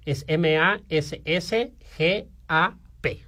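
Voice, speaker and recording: A man's voice: a little high, extremely slow, pushed and bright. A man with a Mexican accent, a musician guest on a radio show, rambling with lots of fillers. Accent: Mexican Spanish. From born in Peru, raised in Mexico. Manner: rambling, many fillers like "este".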